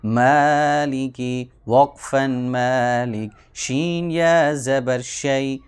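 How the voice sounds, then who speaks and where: A man teaching a Quran reading lesson, explaining rules quickly, then spelling out letters and drawing syllables out slowly. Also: mid-range voice, fairly even intonation, darkish tone, smooth. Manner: fast explanations, then slow drawn-out syllables.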